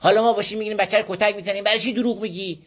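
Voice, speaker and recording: A man from Iran with a high-sitting, fairly bright voice and fairly even intonation gives an informal moral talk to a group about parenting. He tells stories and often checks that his listeners are following, captured in a dull lo-fi recording.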